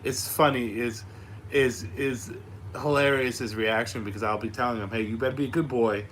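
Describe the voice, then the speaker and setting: This young live Q&A host talks to online viewers at a normal speed, with a medium pitch, fairly even intonation, and a bit of brightness. He is casual and frank, swearing freely as he rambles through stories, his slightly raspy voice giving out after being sick. He is in an upstairs room at home, and background noise is clearly audible.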